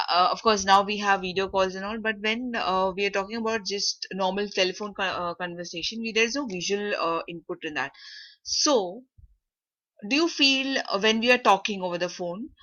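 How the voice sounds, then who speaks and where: A woman runs an interactive online workshop, her tone bright and forceful. She keeps stopping with fillers while she hunts for the right word. The sound comes through a video call. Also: medium pitch, normal speed, dull audio. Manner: searching for words, many fillers. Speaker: workshop facilitator. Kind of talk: interactive online class talk.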